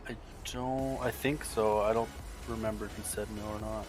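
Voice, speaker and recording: A man talking casually in a gaming voice chat, giving quick practical calls as raid leader. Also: lowish voice, fairly even intonation. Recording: voice chat over loud game music.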